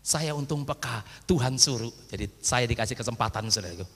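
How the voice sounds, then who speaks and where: Brief: lively male pastor, storytelling sermon, sharp bright tone, long hall echo on old tape. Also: medium pitch, brisk, breathy edge. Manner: animated, acts out quotes, sudden shouts. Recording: echoey old church hall recording.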